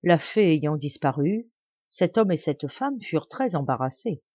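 A woman narrating a classic fairy tale as an audiobook reader, in a clear, even storytelling manner. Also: low voice, a little slow, no room sound. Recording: dry, slightly dull home recording.

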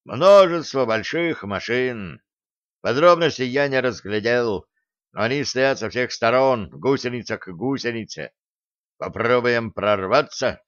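A man's voice: medium pitch, animated, a little slow, a bit bright, no room sound. A man doing a jittery young soldier. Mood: anxious. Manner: plaintive and uneasy. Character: nervous young male soldier, anxious. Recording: dry, slightly dull recording.

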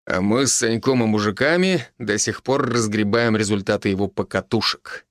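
A man's voice: fairly low pitch, moderate pace, no echo, close to an everyday voice. A man doing a wry village police major. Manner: dry, knowing, matter-of-fact.

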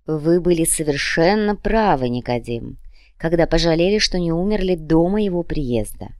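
A woman's voice: deep voice, lively intonation, normal speed, darkish tone, no echo, clean studio sound. A woman voicing a polite but menacing male demon commissar who threatens in a cold, courteous way. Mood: cold menace. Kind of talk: audiobook character reading.

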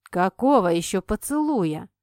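A woman's voice: animated, no room sound, clean studio sound. A woman doing a wry, teasing man. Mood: dry, teasing. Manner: lowered, quieter, drawn-out delivery. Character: grown man, wry, teasing police officer. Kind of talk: audiobook character voicing.

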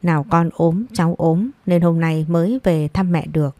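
A woman's voice: fairly low pitch, moderate pace, warm tone, no echo, lightly acted. A woman reading as a resentful youngest daughter. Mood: complaining. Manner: defensive, complaining.

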